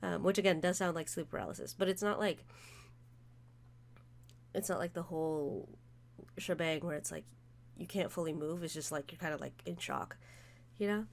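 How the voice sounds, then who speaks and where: A young woman streamer, congested from allergies, plays a visual novel while chatting in casual let's-play commentary that rambles, interrupts itself, and leans heavily on fillers. Her voice is on the low side with vocal fry, at a moderate pace with long pauses, and slight background noise.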